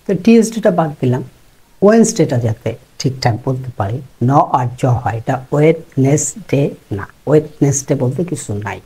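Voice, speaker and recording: Man teaching English pronunciation, dark husky voice. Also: fairly high pitch, low-quality recording. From Bangladesh. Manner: explanatory, repeats words slowly in contrast. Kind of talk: pronunciation lesson.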